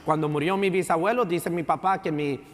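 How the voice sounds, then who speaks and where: High-voiced pastor preaching in a reverberant church. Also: male voice, fairly quick. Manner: bilingual preaching, switching into English phrases; ends phrases with a questioning "right?". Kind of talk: sermon. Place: church sanctuary.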